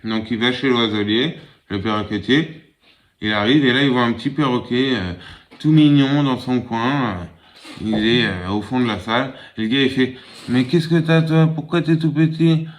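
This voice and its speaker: A man casually telling a string of jokes, with many fillers and raising his voice for the characters in them. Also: moderate pace. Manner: animated, raises pitch for quoted characters; frequent fillers, loose storytelling. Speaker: joke teller.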